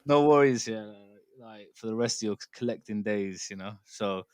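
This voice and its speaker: A man's voice: lowish voice, moderate pace, darkish tone, no echo. A man co-hosting a casual podcast, from the UK, talking in a rambling, hedging way full of fillers. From United Kingdom. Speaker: podcast co-host. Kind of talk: casual chat.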